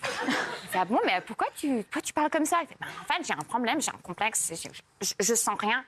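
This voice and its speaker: Hesitant woman telling jokes, lively pitch. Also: moderate pace, breathy edge. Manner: hesitant, many "euh" fillers, giggles. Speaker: joke teller. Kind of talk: telling jokes on a TV comedy show. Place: TV studio.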